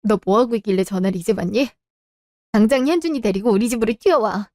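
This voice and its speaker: A woman acting in a radio drama, confronting in a sharp, cold way. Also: on the high side, fast, no room sound, studio quality. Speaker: voice actor.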